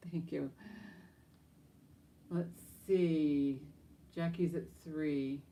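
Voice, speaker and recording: A woman's voice: low-pitched, slow pace, creaky, mellow, slight background noise. A woman running a live online auction as auctioneer, mixing casual, chatty patter with bid calls in an informal, rambling way.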